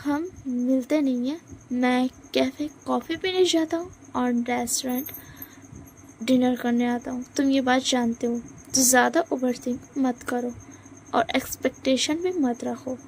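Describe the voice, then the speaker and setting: A cold, terse young man who answers in short, flat sentences, as a woman puts him on. He sounds distant and unbothered. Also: sits high, measured pace, a little hiss or hum.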